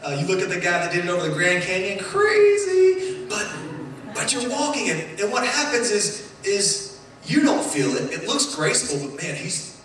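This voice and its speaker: A man preaching a sermon in a church, playful and animated, joking with the congregation as he talks. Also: high-pitched, a little fast, slight background noise. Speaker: pastor. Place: church sanctuary. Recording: roomy echoing church hall, mic at a distance.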